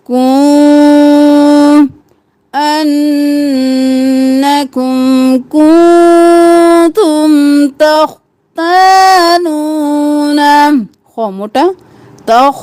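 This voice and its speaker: A woman teaching tajweed, reciting verses in a slow, drawn-out chant and dropping lower to explain the rules quickly. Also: dark tone.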